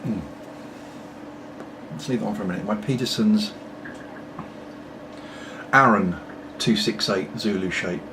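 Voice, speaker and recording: A man's voice: fairly low pitch, a little slow, long pauses. A middle-aged British man rambling casually to camera with apologetic asides, talking while puffing on a pipe at home. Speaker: pipe-smoking video blogger. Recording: distant mic, clearly noisy background.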